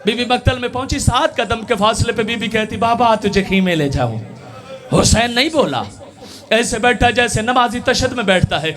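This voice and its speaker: A man delivering a mourning sermon, moving between quiet narration and shouted, wailing laments. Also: extremely high pitch, normal speed. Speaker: religious orator. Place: religious gathering.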